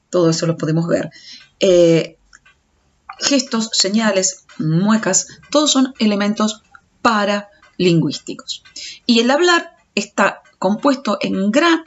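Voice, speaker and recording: A woman teacher giving a recorded audio lecture, explaining step by step and stumbling over restarts. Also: medium pitch. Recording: dull lo-fi recording.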